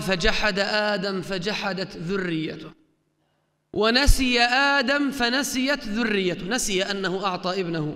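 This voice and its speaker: A man's voice: extremely high pitch, pushed and bright, big-room sound. A man, a sheikh, giving a religious lecture and telling a story with quoted dialogue.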